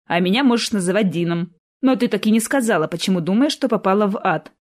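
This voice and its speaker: A woman voicing a handsome man of about thirty with a dry, ironic and unhurried manner, in an audiobook. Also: medium pitch, lively intonation, a little mellow, natural voice. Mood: amused.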